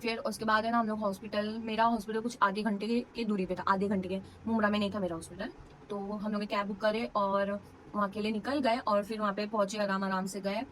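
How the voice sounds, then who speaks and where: Speaking a little fast in a flat, mid-range voice, a young female vlogger recounts something personal to the camera in a casual, emotional way, leaning heavily on fillers. The recording is rough, with slight background noise.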